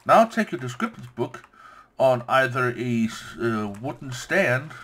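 A man giving casual let's-play commentary on his game, playful and quick to gush with delight. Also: mid-range voice, big pitch swings, a bit bright. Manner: playful, gushes with delight, says "yoink" and "bam". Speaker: gameplay commentator.

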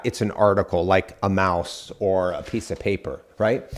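A man's voice: fairly low pitch, a little mellow. A man in his forties, a home builder hosting a show, explaining step by step to camera in an earnest, critical way, recorded on a studio mic indoors. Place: dim studio room, indoors. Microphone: studio mic on boom in front.

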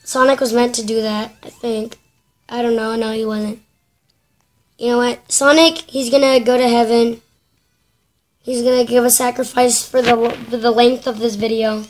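A woman giving casual, excitable commentary while playing a mobile game, breaking into panicked shrieks when things go wrong. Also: fairly high pitch, moderate pace, soft background music.

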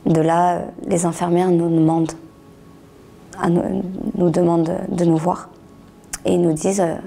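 Low gravelly woman, halting testimony. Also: little pitch movement, dark tone, slight background noise. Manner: halting, restarts words, drops to a near whisper at times. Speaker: author giving a testimony. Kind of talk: personal testimony interview.

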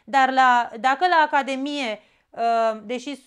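A woman with a Romanian accent teaching an exam-prep grammar lesson, explaining step by step and often checking in with a quick "da?". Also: high voice, a bit bright, smooth.

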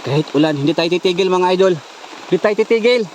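A Filipino man who hunts ghosts on his vlog, talking to viewers outdoors at night. He moves between hushed murmurs and excited exclamations, and he chants a Latin-sounding incantation. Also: sits high, fast, a little hiss or hum. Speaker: ghost hunter vlogger. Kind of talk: night-time paranormal vlog commentary. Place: outdoors at night near a hut, in the rain.

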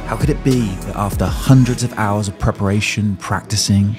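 Male narrator, slightly low, scripted first-person vlog story over music. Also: steady tone, normal speed. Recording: music behind.

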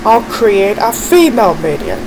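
A woman's voice: medium pitch, big pitch swings, normal speed, background noise. A woman voicing a vengeful, scheming male monster boss in an amateur cartoon, ranting and exclaiming. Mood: gloating, scheming.

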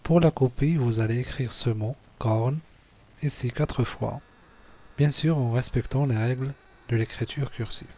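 Brief: patient male schoolteacher, unhurried, correcting a workbook page for small children. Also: mid-range voice, a little mellow. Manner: patient, spells letters and syllables one by one. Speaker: teacher. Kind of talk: slow classroom exercise walkthrough.

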